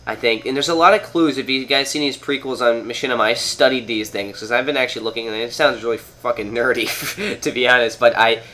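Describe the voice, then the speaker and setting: Barely pausing, a Canadian gaming host speaks fairly quickly in a medium-pitched, pushed, bright voice made nasal by a cold. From home, playing on a TV, he offers casual, rambling commentary full of fillers and restarts.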